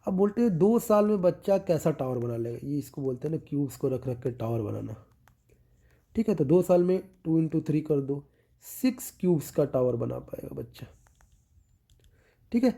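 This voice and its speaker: This medical exam tutor's voice is on the high side yet gravelly and dark, and he's expressive as he teaches milestones through mnemonics. He checks in after every point and drops his voice and pace to emphasize key terms.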